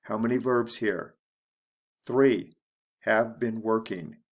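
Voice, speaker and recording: A man teaching English to beginners, speaking slowly and clearly and modeling the intonation of example sentences. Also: fairly low pitch. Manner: deliberate, modeling intonation for learners. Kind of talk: slow, clear lesson narration.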